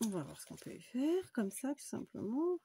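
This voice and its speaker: Woman, craft tutorial host, mellow low-key tone, chatty, lots of fillers. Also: big pitch swings, moderate pace, creaky, a little hiss or hum. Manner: chatty, thinks aloud with frequent fillers and "voilà". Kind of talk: casual step-by-step crafting tutorial.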